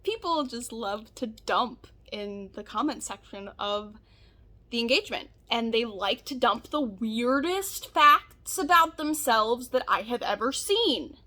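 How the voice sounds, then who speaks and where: A woman's voice: a little high, expressive, a little slow, pushed and bright. A woman reacting casually to online comments, reading them aloud in disbelief with sarcastic, mock-earnest understatement.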